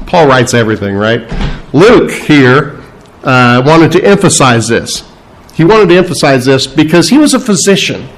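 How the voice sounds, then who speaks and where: A fairly high-pitched man with big pitch swings preaches verse by verse, stressing key words while stumbling through fillers and restarts in an unscripted sermon. He is a pastor, and the low-quality recording has a little hiss or hum.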